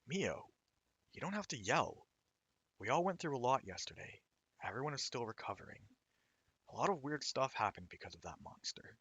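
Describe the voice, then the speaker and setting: Gentle caring friend, soft, reassuring, lifted voice, husky edge, as a man reads it. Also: very animated, moderate pace, no room sound. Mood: soothing. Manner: soft, reassuring, raised pitch.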